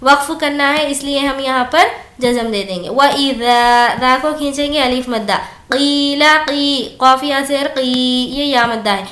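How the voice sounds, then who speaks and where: A woman teaching tajweed, explaining each rule plainly and then reciting the words slowly and drawn out. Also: high voice, a bit bright, roomy sound. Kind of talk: slow word-by-word recitation lesson.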